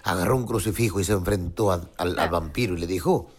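A man's voice: low-pitched, fast, slightly rough. A man from Acapulco telling jokes as a guest comedian on radio, speaking through a cold and laughing at his own punchlines. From Acapulco, Guerrero, Mexico. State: has a cold. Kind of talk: stand-up joke telling on radio.

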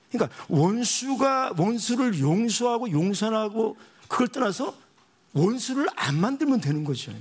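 A man's voice: high voice, slightly rough. A male missionary pastor preaching a sermon, telling a funny story and acting out the dialogue. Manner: animated storyteller who acts out dialogue. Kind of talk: sermon with humorous anecdote.

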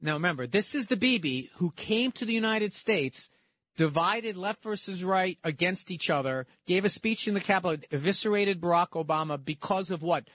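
Emphatic high-voiced male talk host. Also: expressive, moderate pace, fairly bright tone, dry recording. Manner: emphatic, repeats words while building a point. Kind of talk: political talk debate.

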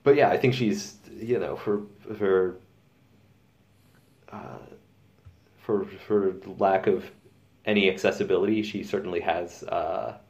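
A man's voice: deep voice, unhurried, long pauses, a little mellow, lo-fi sound. A man co-hosting a casual music podcast, rambling with many fillers and little laughs. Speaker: podcast co-host.

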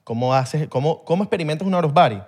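A man's voice: on the high side, animated, fast talker, a little mellow. A man, hosting a podcast and explaining a topic in casual, rambling chat full of slang. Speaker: podcast host.

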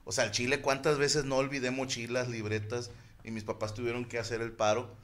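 A man's voice: medium pitch, level tone, a little fast, a bit bright. A man with a Mexican Spanish accent, co-hosting a podcast, telling a profane, laughing story in casual chat among friends. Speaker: podcast co-host.

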